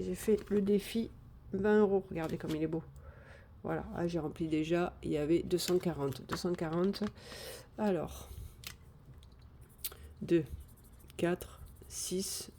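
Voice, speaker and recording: A woman chatting casually live on a phone camera, thinking out loud as she sorts and counts cash. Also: lowish voice, a little hiss or hum. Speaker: budgeting vlogger.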